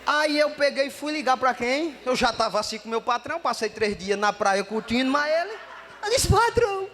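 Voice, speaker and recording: A man telling a story in stand-up comedy, lively and acting out the dialogue. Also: extremely high pitch, normal speed.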